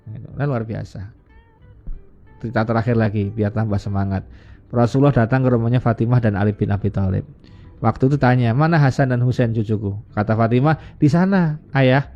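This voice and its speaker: A man's voice: steady tone, fairly quick, dark tone. A man preaches on a radio program. He tells stories and takes on each character's voice as he goes. The sound is dull and lo-fi, with faint music underneath. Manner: acts out dialogue with raised pitch. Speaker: religious teacher on radio. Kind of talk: storytelling sermon.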